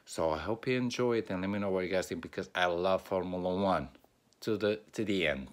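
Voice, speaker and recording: Very low-voiced Albanian-accented man. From North Macedonia. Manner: halting, many fillers and restarts. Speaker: YouTuber. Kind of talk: casual race preview monologue.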